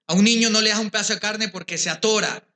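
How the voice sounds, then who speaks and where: High, bright-voiced man preaching a lecture. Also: fast talker. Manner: rhetorical questions, addresses listeners directly. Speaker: conference speaker addressing pastors. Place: symposium venue. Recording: echoey room sound.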